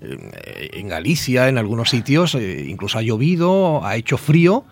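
A man's voice: mid-range voice, big pitch swings, normal speed. A man hosting a radio interview, mostly agreeing and adding short remarks with casual hesitations. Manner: agreeable, short backchannel responses. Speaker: radio host.

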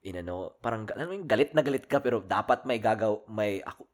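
Lively-voiced Filipino man telling stories. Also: on the low side, quick pace. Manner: storytelling with Taglish code-switching, laughing often. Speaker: podcast co-host. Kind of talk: casual chat.

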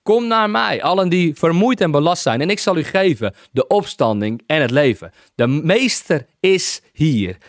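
Man preacher, emphatic and repetitive, slightly high voice, dry close sound. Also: expressive, moderate pace, hardly any pauses, no echo. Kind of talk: sermon, Bible teaching.

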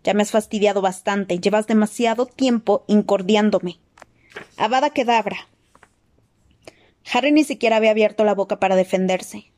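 A woman narrating a fantasy novel as an expressive, dramatic audiobook reading. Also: medium pitch. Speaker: audiobook reader.

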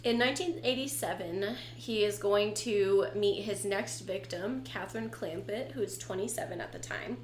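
A woman's voice: mid-range voice, normal speed, few pauses. A young woman co-hosting a casual true-crime podcast, telling the story conversationally with slangy asides. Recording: roomy echo, faint background noise.

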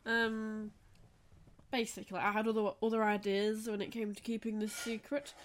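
A woman's voice: medium pitch, flat delivery, normal speed. A woman, co-hosting a podcast and telling rambling, self-mocking stories in casual chat. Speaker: podcast co-host.

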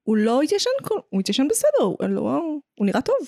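A woman's voice: on the high side, sing-song, vocal fry, mellow, no echo. Israeli woman, dry close sound, chatting casually. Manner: opinionated, jokey, slips English phrases into talk. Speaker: podcast co-host. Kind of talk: casual pop-culture chat.

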